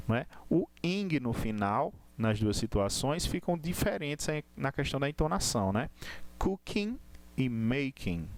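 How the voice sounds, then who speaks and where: A man teaching an English class live online, explaining step by step with frequent tag questions and restarts. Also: mid-range voice.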